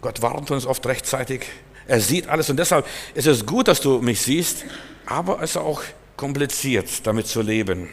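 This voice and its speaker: A man delivers a sermon with emphatic stresses, dropping often to quieter, lower lines. His voice sits in the middle range and rings with a long reverb. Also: expressive, moderate pace. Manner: emphatic, swinging between loud and soft. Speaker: preacher.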